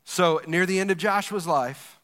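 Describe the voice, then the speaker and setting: A male pastor preaching a lively, joking sermon and talking directly to the congregation in a church hall. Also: sits high, normal speed. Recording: long reverb of a large hall.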